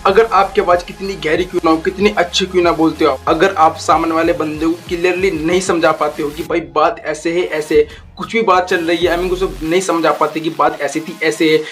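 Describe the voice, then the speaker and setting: Over soft background music, a young YouTube voice coach gives casual, instructive tips on voice training, repeating points and slipping in English phrases. His voice is on the high side and a bit bright, delivered flatly, fairly quickly, and with few pauses.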